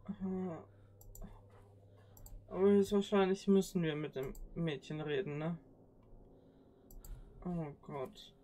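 A woman's voice: fairly low pitch, steady tone, slow, pauses often, warm tone, a little hiss or hum. A woman doing live commentary on a horror game, easily spooked and prone to exclamations. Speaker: game streamer.

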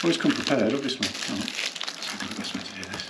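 Male dealer, low-pitched, easygoing unboxing chat; noisy room with clicks. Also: fast talker, echoey room. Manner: chatty, thinking aloud while handling the product. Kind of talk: casual unboxing talk.

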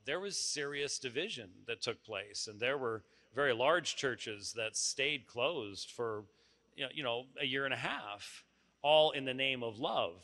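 A middle-aged man answers on a conference stage, holding a handheld mic. He speaks in a measured way, pausing to rephrase, with touches of dry humor. His tone is bright and forceful at a middling pitch. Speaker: panelist. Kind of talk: panel discussion answer. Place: large conference hall stage.

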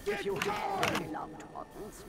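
A stern female video game announcer, delivers slow, dramatic warnings. Her commanding voice swoops widely over prominent music. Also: very high voice, huge pitch swings, heavily acted. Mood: ominous, commanding.

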